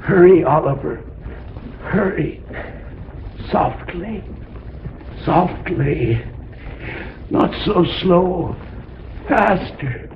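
Casting: very old condemned rogue, wheedling, rambling, swooping pitch, echoey muffled 1930s film. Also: male voice, sing-song, gravelly, heavily acted. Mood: urgent. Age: older. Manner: very old man, slow rambling wheedling mutter. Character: very old condemned villain, male, muttering and half-mad. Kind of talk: 1930s film drama acting. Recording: muffled noisy 1930s film soundtrack, roomy echo.

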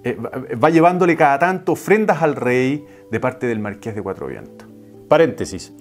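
A male teacher retells a classic fairy tale in a loose, conversational way, pausing for wry asides and quick self-corrections. His voice sits at a middle pitch, and faint music runs quietly underneath. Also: big pitch swings. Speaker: teacher and storyteller. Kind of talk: casual storytelling with asides.

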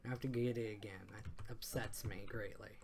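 Very deep-voiced bossy woman gamer. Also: fairly even intonation, brisk, darkish tone, slight background noise. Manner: bossy, scolding, bickering with teammate. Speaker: streamer playing a team game. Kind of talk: casual gaming banter.

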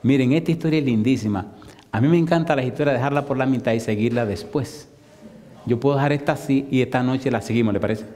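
Animated pastor telling a story, dark voice. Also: male voice, fast. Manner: animated, acts out quoted voices with rising pitch. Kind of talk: storytelling sermon. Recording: long hall reverb.

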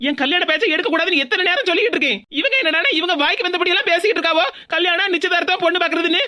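A woman voicing a stubborn young bride-to-be in an animated cartoon, speaking with a Tirunelveli Tamil accent in rapid, protesting bursts. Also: very high voice.

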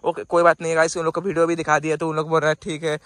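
A man's voice: on the high side, monotone, very fast, fairly bright tone, dry recording. A young man vlogging outdoors on a phone camera, pleading and flustered as he keeps saying "brother" while he argues. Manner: pleading and flustered, repeating "bhai". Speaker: motovlogger. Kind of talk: casual vlog talk to camera. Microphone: handheld phone camera.

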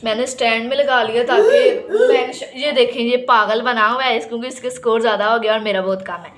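A woman's voice: on the high side, brisk. A woman, casually narrating a family vlog as she plays a game with her child, teasing and playful.

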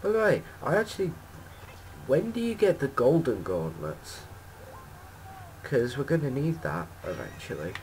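A man's voice: medium pitch, very animated, unhurried, pauses often, darkish tone, slight background noise, low-quality recording. A man giving casual gameplay commentary as a let's play host, rambling and correcting himself with many ums.

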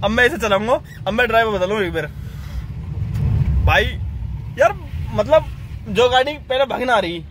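A young man, an excitable car vlogger commentating a roadside drag race, repeating himself and calling everyone brother. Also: high voice, normal speed, long pauses. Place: outdoors on a road beside cars. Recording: outdoor recording with loud car and road noise. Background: car engines and street noise.

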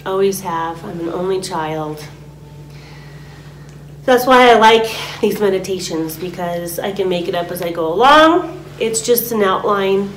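A woman guides a meditation at an unhurried pace, her voice soft and slipping into whispers. The room rings around her and a steady hum runs underneath. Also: on the low side. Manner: slow and soft, often dropping to a whisper. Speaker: meditation teacher. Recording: roomy recording with a steady hum.

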